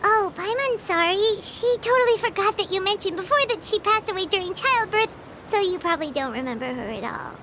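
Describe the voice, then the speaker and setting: A woman voicing a tiny, childlike fairy companion with a squeaky voice in an English video game dub, earnest and chatty. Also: animated, fairly quick, pushed and bright, a little hiss or hum, exaggerated voice. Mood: curious, apologetic. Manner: refers to self in third person, exclamatory. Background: music.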